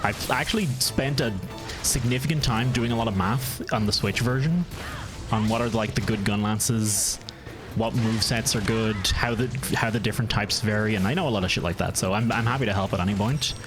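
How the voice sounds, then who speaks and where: Streaming a game with music in the background, this Irishman from County Meath talks briskly in a lowish voice. His chat with viewers is relaxed and meandering, full of replies to the chat and frequent restarts.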